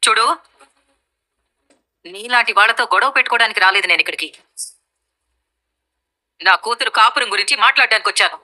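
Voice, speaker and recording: A woman's voice: a little high, a little fast, pauses often, sharp tone, poor audio. An actress playing a scheming, sarcastic middle-aged mother-in-law in a TV serial. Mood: scornful. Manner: sarcastic, scornful. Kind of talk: TV serial acting.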